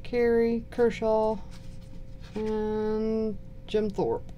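A woman with a Southern US accent giving low-key, mumbled casual commentary while unboxing cards. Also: little pitch movement, extremely slow, dark tone, muffled recording, slight background noise. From southern United States. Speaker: card box-break host. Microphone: purchased microphone.

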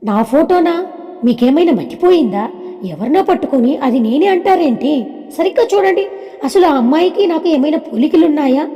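A woman's voice: high voice, animated, normal speed, mellow. A woman voicing a young woman who protests indignantly and tearfully that she is being wronged, in a storybook with long reverb. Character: young woman insisting on her identity.

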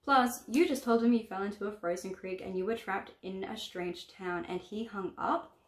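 A woman's voice: medium pitch, normal speed, lightly acted. A woman reading aloud the lines of a blunt teenage boy giving frank advice. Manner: blunt, matter-of-fact. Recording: echoey room.

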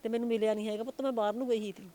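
Fast-talking plaintive middle-aged woman. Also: a little high, steady tone, mellow. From Punjab, India. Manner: plaintive, repeats her complaints. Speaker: grieving mother. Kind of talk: emotional interview answers.

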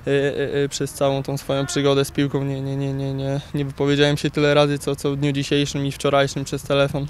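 A young footballer in his twenties answering interview questions outdoors beside a pitch, halting with many repeated words. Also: monotone. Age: 20s. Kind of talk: post-training interview. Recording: faint outdoor noise.

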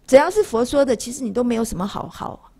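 Raspy older woman lecturing a class. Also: on the high side, fast. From Taiwan. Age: 60s. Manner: lively, keeps asking the class rhetorical questions. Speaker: lay Buddhist lecturer.

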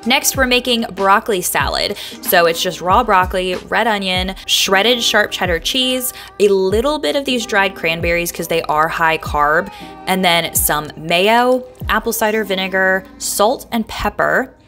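A woman's voice: mid-range voice, expressive, unhurried, a bit bright, faint music behind. A woman chatting casually in a voice-over as she walks through her lunch prep, upbeat and full of fillers.

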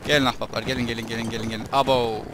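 A young man giving casual commentary over his gameplay, chatting to his troops and breaking into loud excited shouts during fights. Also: medium pitch, rapid-fire, noisy background. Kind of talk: let's play commentary.

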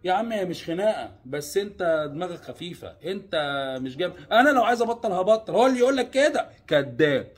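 A young man with an Egyptian Arabic accent talks straight to his viewers, earnest and pleading. His voice sits a touch high with a husky grain to it. He swings from loud, insistent urging to low, hushed warnings. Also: lively intonation, fast. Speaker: vlogger. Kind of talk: personal warning monologue.

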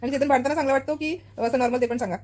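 A woman's voice: sits high, fairly even intonation, very fast, a little mellow. A woman chatting casually and teasingly at home for her vlog, laughing often. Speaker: vlogger. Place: home indoors.

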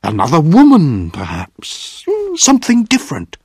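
A man's voice: a little high, huge pitch swings, a little slow, darkish tone, husky, no room sound, studio quality, heavily acted. A man reading a story, voicing a skeptical, dismissive businessman with a wry manner. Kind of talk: audiobook character voice.

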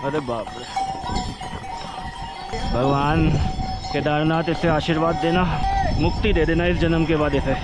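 A man's voice: a little high, very noisy. A young man chatting casually as he vlogs on a mountain trek on horseback, often breaking into exclamations. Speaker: vlogger. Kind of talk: casual travel vlog narration.

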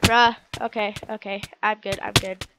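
With a mid-range, level-toned voice at normal speed, a young woman commentates casually on her gameplay, cheering and groaning as things unfold. She sounds stuffy and sick. She makes gaming videos, and the clip is very noisy.

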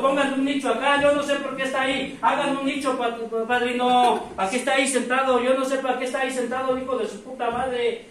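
Shouting Mexican man in an echoey hall. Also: very high voice, slight background noise. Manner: shouting, harsh and profane. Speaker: speaker at a recovery group meeting. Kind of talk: confrontational testimony. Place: recovery group meeting room. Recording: very echoey hall, distant mic, crowd.

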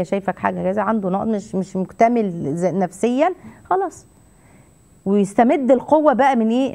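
A woman's voice: fairly high pitch, a little mellow. A middle-aged woman with an Egyptian Arabic accent, hosting an advice talk and giving counsel emphatically, repeating phrases and acting out sample replies to an audience. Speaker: TV host and family counselor.

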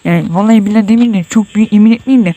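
A man's voice: sits high, rapid-fire, mellow. Jumpy young man, nervous horror gameplay. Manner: tense, jumpy, muttering prayers and exclamations. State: sweating, nervous. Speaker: gamer. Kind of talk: horror game let's play commentary.

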